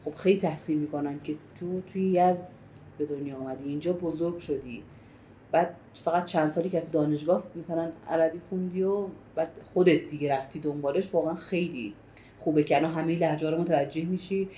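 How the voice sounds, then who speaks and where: A woman's voice: sits low, steady tone, dark tone, roomy sound, slight background noise, rough recording. A woman who grew up speaking Arabic, co-hosting a casual chat in an easygoing, chatty way. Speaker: co-host.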